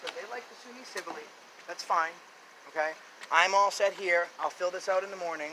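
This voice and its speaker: A man filming police as a first amendment auditor, talking loudly and lecturing the officers outdoors. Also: high-pitched, fairly quick, slight background noise, poor audio. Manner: loud, confrontational and lecturing.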